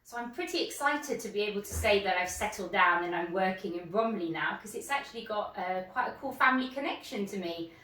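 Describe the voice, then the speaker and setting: A woman's voice: mid-range voice, expressive, sharp tone. A woman in her thirties from France, an emergency doctor talking to camera about her career in an upbeat, chatty way. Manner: upbeat, chatty, quick asides. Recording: roomy, distant mic.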